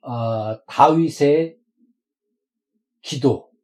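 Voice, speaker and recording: A man's voice: medium pitch, drawn-out words, darkish tone, rough recording. A male pastor preaching a sermon to his congregation, emphatic and stretching words out for stress.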